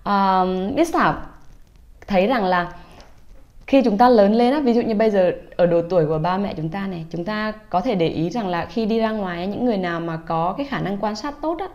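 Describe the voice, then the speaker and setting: A woman's voice: medium pitch, brisk, a little mellow, highs cut off. A woman, a teacher, explaining English phrases and pronunciation to parents in a patient, casual way. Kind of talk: casual instructional talk to parents.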